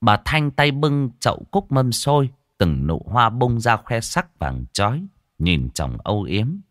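A man narrating a ghost story in an expressive, dramatic reading. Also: mid-range voice, a little slow, no room sound, clean studio sound.

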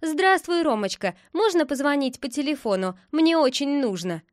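An indignant neighbor woman in a storybook, as a female reader puts her on, high and shrill, pushing her words out loud. The voice sits dry and close. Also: lively intonation, moderate pace, no room sound. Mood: polite.

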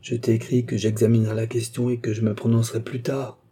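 A man's voice: medium pitch, little pitch movement, fast, mellow, breathy edge, close to an everyday voice. A man reading an audiobook, voicing a frail, stubborn and emotional old marquis in a raised voice. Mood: moved. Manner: insistent, emotional.

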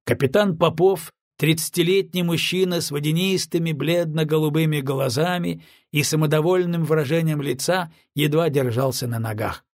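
A man narrating a novel in steady, scripted storytelling. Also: on the high side, moderate pace, few pauses, no echo, clean studio sound. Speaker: audiobook narrator.

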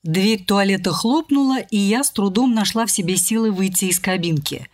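Woman narrating a first-person audiobook. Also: normal speed. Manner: voices characters with shifts in pitch and pace.

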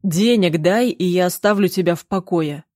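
A woman voicing a drunk, frenzied young man who shouts and threatens, demanding money. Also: fairly low pitch, moderate pace, no room sound, clean studio sound, lightly acted. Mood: furious. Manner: shouting, menacing.

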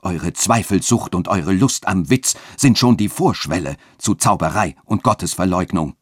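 A man's voice: sits low, moderate pace, breathy edge, dry recording. A zealous, wrathful bishop, put on by a male reader in a radio reading thunders his commands in a raised voice. The recording is close and dry. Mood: stern. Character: wrathful, fanatical small elderly bishop.

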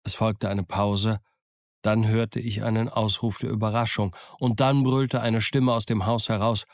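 Low voiced guy reading a story aloud, dry sound, calm steady pace. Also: unhurried, dry recording. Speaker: audiobook reader. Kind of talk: scripted first-person narration.

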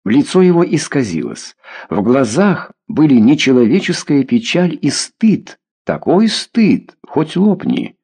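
A man narrates a novel in the first person with a slightly husky voice. He reads slowly and with a lot of expression, and his pitch rises and falls vividly. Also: sing-song, mellow. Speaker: audiobook narrator.

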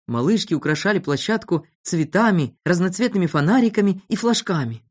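Expressive woman reading a children's story. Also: on the low side, brisk. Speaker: narrator. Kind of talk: children's audiobook narration.

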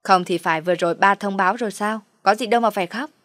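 A snappy, scornful young wife, spoiled and quick with a barb, as a woman reads her aloud. The delivery is dry and close, with no room around it, and sits at an ordinary pitch for a woman. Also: fairly bright tone, no echo, lightly acted. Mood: coaxing. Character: sharp-tongued spoiled pregnant young wife.

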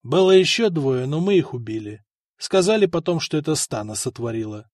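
A man's voice: a little high, expressive, a little fast, darkish tone, no echo, studio quality. A man voicing a sullen, gloomy young chieftain's son in an audiobook. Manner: gloomy, blurting.

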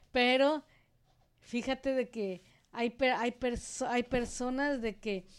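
A woman's voice: on the high side, takes it slowly, smooth. Outspoken Central American woman radio host. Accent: Central American Spanish. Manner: outspoken, animated storytelling with asides. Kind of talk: casual radio chat. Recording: studio radio microphone.

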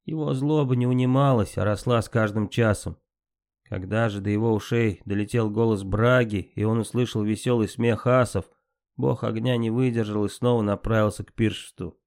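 A man narrating an audiobook of myths in an even storytelling manner. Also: fairly low pitch, normal speed, gravelly.

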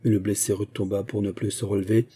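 A man narrates a novel in an even, measured way. His voice is dark and mellow, with a husky edge. The pitch sits on the low side. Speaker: audiobook narrator. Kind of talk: novel reading.

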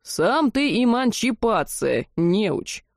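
A woman voicing a sarcastic male dragon head with a bass voice, who jeers at the others in a slow drawl. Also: sing-song, no echo, studio quality, exaggerated voice. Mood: mocking.

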